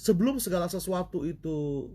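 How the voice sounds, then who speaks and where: A man's voice: high-pitched, lively intonation, brisk, warm tone. A man preaching a sermon online, telling a personal story with feeling and often calling out to his brothers and sisters. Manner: emotional storytelling, addresses listeners as brothers and sisters. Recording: faint background noise.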